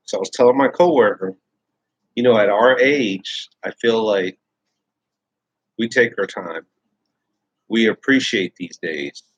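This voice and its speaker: A man's voice: fairly low pitch, a little slow, long pauses, husky, dry recording, muffled recording. A man in his thirties hosting a casual live chat, rambling and swearing freely. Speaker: host.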